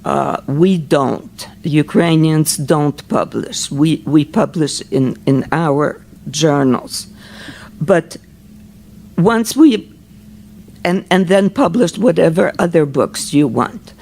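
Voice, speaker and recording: A man's voice: on the high side, slow, vocal fry, darkish tone. A man speaking as a scholar on a panel discussion, hesitant and searching for his words.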